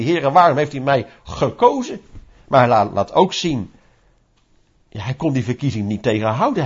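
A man preaching a sermon in a lively, conversational way, asking rhetorical questions and acting out little scenes. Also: on the high side, husky. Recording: dull lo-fi recording.

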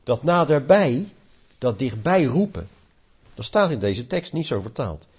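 A man's voice: medium pitch, sing-song, a little slow, darkish tone, slightly rough, dull audio. A man preaching a sermon, emphatic, often repeating and restarting phrases.

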